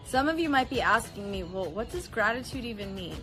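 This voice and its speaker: Woman calmly guiding a gratitude exercise. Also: mid-range voice, over music. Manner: calm, encouraging instruction with slow breathing cues. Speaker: wellness instructor. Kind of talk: guided gratitude practice.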